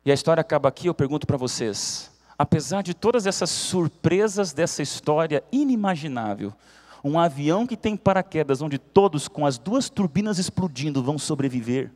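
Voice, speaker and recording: Brazilian pastor telling a story in his sermon, high voice, really animated, swoops around a lot. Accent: Brazilian Portuguese. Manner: animated, theatrical storytelling, acting out characters. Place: church sanctuary.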